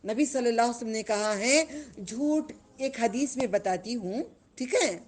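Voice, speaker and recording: A woman's voice: a little high, darkish tone, slight background noise. A woman giving a religious lesson to children, questioning the class and drawing out repeated phrases. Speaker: religious teacher.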